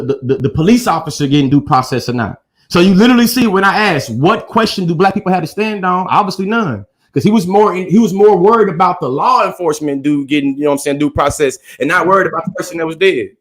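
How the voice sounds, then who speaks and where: A man with a slightly higher-than-usual voice talks through a debate in an earnest, reasoning tone. He strings long sentences together and keeps saying "literally" to drive home his points. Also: lively intonation, fast talker, hardly any pauses, a bit bright. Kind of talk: casual debate recap.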